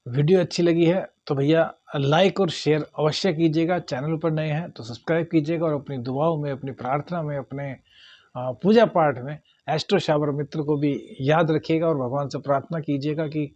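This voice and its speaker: A man's voice: a little high, steady tone, moderate pace, darkish tone, no room sound, muffled recording. A man, an astrologer giving a monthly horoscope talk and advising viewers earnestly, calling them brother.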